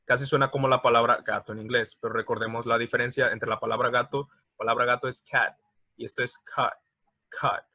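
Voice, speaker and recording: A man teaching an English grammar lesson from slides, explaining patiently, checking in often, and repeating words slowly for pronunciation. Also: mid-range voice, little pitch movement, bright, forceful tone, no room sound.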